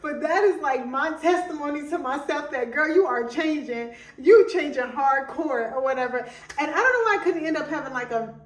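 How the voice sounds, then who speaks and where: A woman's voice: high voice, animated, moderate pace, roomy sound, recorded from a distance. A young woman hosting a podcast, talking in a chatty, emphatic way with many asides and a country twang that comes and goes. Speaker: podcast host. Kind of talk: casual motivational monologue.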